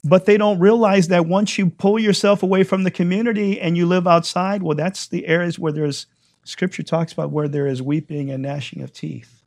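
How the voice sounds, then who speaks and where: A man leading prayer and preaching a sermon, his voice hoarse while it recovers, given to emphatic repetition. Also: a little high, darkish tone. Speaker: congregation leader.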